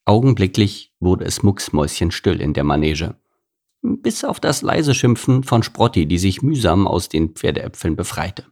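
Gravelly male storybook narrator. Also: sits low, a little mellow. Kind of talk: storybook reading.

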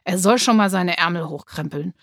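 A woman's voice: on the low side, moderate pace, vocal fry, no echo. Lady doing a feisty bossy schoolgirl, impatient and cheeky, storybook reading, dry sound. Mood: challenging. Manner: challenging, impatient. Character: bold, fiery schoolgirl, bossy and challenging.

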